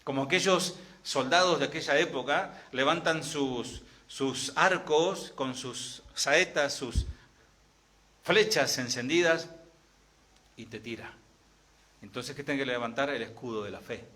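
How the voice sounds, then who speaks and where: A man's voice: medium pitch, a little slow, bright, forceful tone. A middle-aged man with an Argentine accent, a pastor preaching a sermon in a chatty way, often asking the congregation questions. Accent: Argentine Spanish.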